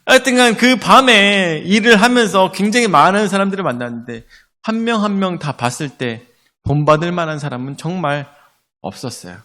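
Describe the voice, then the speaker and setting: Korean pastor preaching in a reverberant hall. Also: male voice, a little high. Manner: storytelling, animated retelling with spoken asides. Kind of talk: sermon with personal stories. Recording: long reverb of a church hall.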